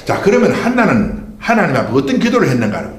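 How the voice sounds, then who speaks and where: Animated man preaching in echoey church. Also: fairly high pitch, fast. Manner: preaching with rhetorical questions and call-and-response. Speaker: pastor. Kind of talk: Sunday sermon. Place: church sanctuary.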